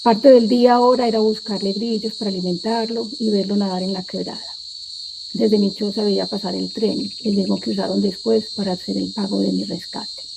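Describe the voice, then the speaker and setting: A woman in her fifties with a Medellín Colombian accent tells her life story as a prepared talk, speaking in measured, short phrases. Her voice is medium in pitch, steady and gravelly, with background noise behind it.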